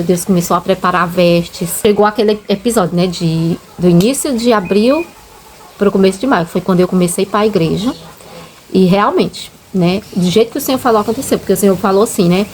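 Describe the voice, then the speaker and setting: Brisk and medium-pitched, her voice is slightly mellow, with a little hiss or hum underneath. This Brazilian mother runs a channel and, in her Brazilian Portuguese accent, earnestly and emotionally tells her religious testimony as a casual story, often saying "gente."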